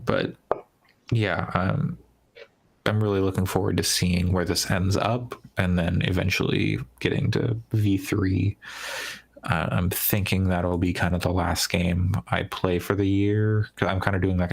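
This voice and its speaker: Podcast co-host, man, very low and creaky, meandering casual talk with many fillers. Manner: rambling, heavy use of "like", trailing restarts. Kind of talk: casual gaming podcast chat.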